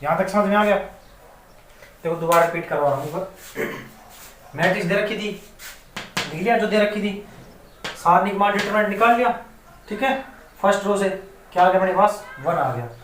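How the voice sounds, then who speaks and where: A man with a Rajasthani Hindi accent teaches a maths lesson, his voice sitting high. He keeps pausing to check that the students follow. The sound is roomy and picked up from some distance, with a faint hiss behind. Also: fairly bright tone. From India. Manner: repeatedly checks students' understanding. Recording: echoey room, mic at a distance, faint noise.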